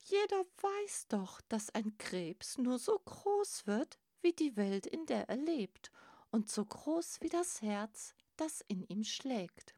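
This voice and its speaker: A woman voicing a huge, wise old male crab with a booming, calm manner in a storybook. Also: slow, no room sound, clean studio sound, full character voice.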